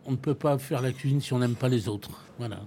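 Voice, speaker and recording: A man's voice: medium pitch, brisk, dark tone, slight background noise. Older man from France, restaurant owner, casual interview, stumbles and repeats words.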